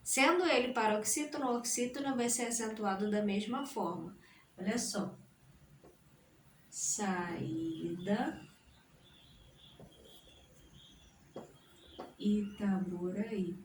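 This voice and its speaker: A woman teacher explains a grammar lesson, speaking deliberately and splitting words into syllables. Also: on the high side, recorded from a distance. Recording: roomy echo, voice from the mic, faint noise.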